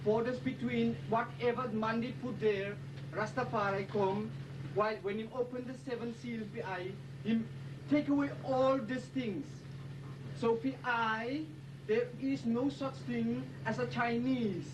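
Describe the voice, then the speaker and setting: A woman with a fairly high voice speaks in Rastafari reasoning style. Her phrases are declarative and repeated. She is some way from the microphone, with clear background noise. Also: steady tone, a little slow. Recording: distant microphone, noisy live gathering.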